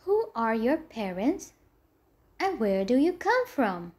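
A woman reading aloud as a kindly, thoughtful old king in a fairy tale, speaking in a gentle, measured way. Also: a little high, big pitch swings.

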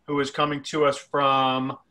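A middle-aged man hosting a live video-call interview, introducing guests with halting, hesitant phrasing. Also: medium pitch, monotone, bright, forceful tone. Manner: halting, many fillers and restarts. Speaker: festival program director, host. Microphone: webcam on video call.

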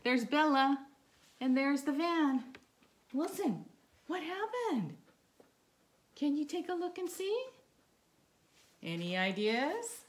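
In a noisy home recording from a living room with a stone fireplace, a middle-aged woman with a high-pitched voice reads a storybook to her therapy dog and young viewers. She goes slowly, pausing at length, in an animated, coaxing sing-song peppered with questions.

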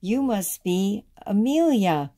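A woman reading aloud and voicing a friendly, patient female schoolteacher in a kindly, unhurried way. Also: mid-range voice, big pitch swings, dark tone. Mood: welcoming.

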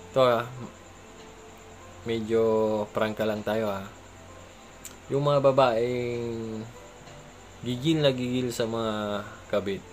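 A man in casual advice chat, talking conversationally and often asking his listeners for agreement. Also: on the low side. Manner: chuckles between remarks. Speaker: vlogger giving advice.

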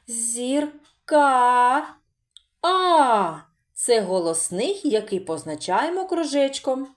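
A woman teaching preschoolers to read, sounding out words slowly and asking questions she answers herself. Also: fairly high pitch, darkish tone. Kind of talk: slow, clear phonics lesson for young children.

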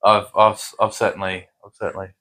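Agreeable man, low voice. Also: flat delivery, sharp tone. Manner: agreeable, constant "yeah" backchannel, halting restarts. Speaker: podcast host. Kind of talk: casual interview chat.

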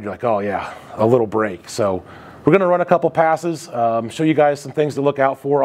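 A man in his thirties, a welding instructor, talking casually through a demonstration in an indoor welding shop, loose and conversational, with frequent fillers. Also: medium pitch.

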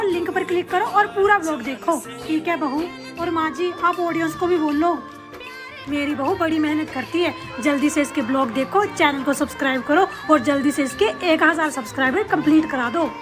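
Very high-voiced woman playing family roles. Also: moderate pace. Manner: scolding mother-in-law and pleading daughter-in-law voices. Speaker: skit performer. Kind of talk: homemade family skit acting all roles. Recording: clear background music.

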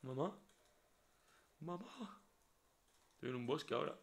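A man's voice: medium pitch, moderate pace. A man with a Spain Spanish accent streaming a horror game live, jumpy and swearing, talking to himself and dropping to whispers.

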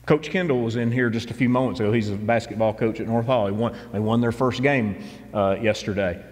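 A man's voice: medium pitch, a little fast, darkish tone, big-room sound. A man in his fifties, a pastor giving a conversational, earnest sermon from a church stage. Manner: earnest, conversational preaching with repeated phrases.

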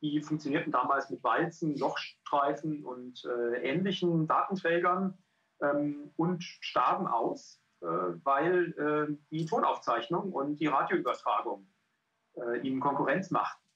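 A middle-aged man presenting a research project over a video call, halting and full of filler sounds. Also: on the high side, a bit bright. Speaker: cultural scientist and pianist presenting a research project. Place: indoor room. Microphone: headset on a video call. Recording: dull lo-fi call audio.

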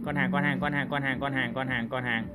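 A woman commentating on her own gameplay, excitable and full of loud, repeated exclamations. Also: rumbling low, brisk. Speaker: game streamer. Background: game music and sound effects.

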